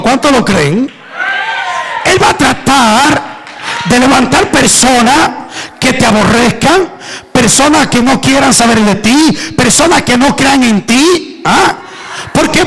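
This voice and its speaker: A man's voice: very high-pitched, a bit bright, poor audio. A male pastor preaching an impassioned sermon to a church congregation, with emphatic calls for the listeners to respond.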